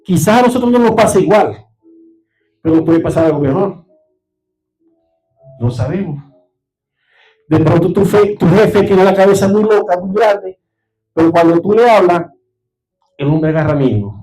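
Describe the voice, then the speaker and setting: A man's voice: high voice, animated, measured pace, long pauses, warm tone, soft background music, rough recording. A man preaching a sermon as pastor, telling stories and checking in with the congregation. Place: church service.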